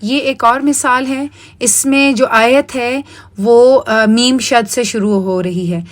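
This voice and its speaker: A woman with a Pakistani Urdu accent leads a recorded lesson in a slightly high voice. She explains each point patiently and step by step, and she often mixes English words into her Urdu. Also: fairly even intonation. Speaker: Quran recitation teacher. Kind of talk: recorded online lesson over slides.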